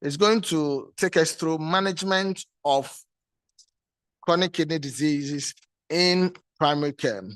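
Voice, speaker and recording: A Ghanaian man with a fairly high voice acts as session chair at a conference. His introduction is formal and deliberately phrased, with some halting. The sound is very dry. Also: a bit bright, no echo.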